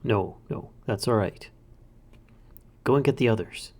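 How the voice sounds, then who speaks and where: A woman's voice: a bass voice, unhurried, mellow. A woman chatting casually as a player in a tabletop game.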